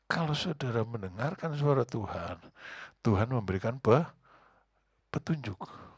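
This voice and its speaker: A man, a pastor, preaching a conversational, animated sermon and asking the congregation questions. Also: mid-range voice, unhurried, slightly rough, no echo, studio quality.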